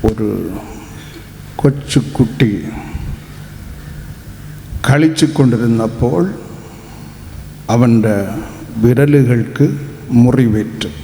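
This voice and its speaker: A man interpreting a sermon live, speaking in an unhurried, earnest way. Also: mid-range voice, dark tone, slight background noise. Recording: roomy hall with long reverb.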